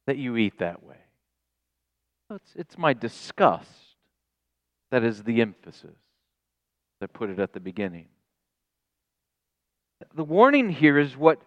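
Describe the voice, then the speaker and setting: A middle-aged man preaching a sermon, reading scripture and stressing points with long, deliberate pauses. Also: mid-range voice, clean tone, no room sound, lo-fi sound. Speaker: pastor.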